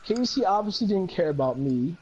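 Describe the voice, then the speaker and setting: A man's voice: high voice, big pitch swings, a little fast, a little mellow, highs cut off, a little hiss or hum. A man talking as a guest in casual chat, profane, rambling and heated.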